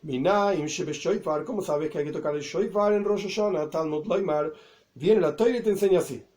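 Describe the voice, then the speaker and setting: A man's voice: on the high side, a little fast, darkish tone. A man teaching a Talmud lesson as a rabbi, reading Hebrew and Aramaic phrases and explaining each one in Spanish, with asides and self-corrections.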